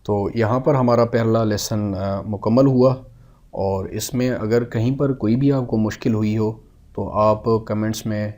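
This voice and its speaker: Low, mellow-voiced man teaching Arabic slowly. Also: fairly even intonation. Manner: slow drawn-out Arabic words with Urdu glosses; frequent "aa" fillers, mixes in English words. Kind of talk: beginner language lesson.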